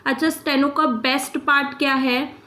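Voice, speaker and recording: A woman's voice: high-pitched, steady tone, normal speed, sharp tone. A woman teaching a shorthand class, explaining step by step and checking in with her students often. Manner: patient, checks in with "ठीक है?" often. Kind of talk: explaining lesson in mixed Hindi and English.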